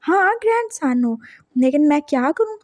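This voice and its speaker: A woman voicing a wealthy, lonely old grandfather who is gruff and emotional in a spoken story. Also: high voice, expressive, normal speed, dry recording, studio quality. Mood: angry. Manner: scolding then doting.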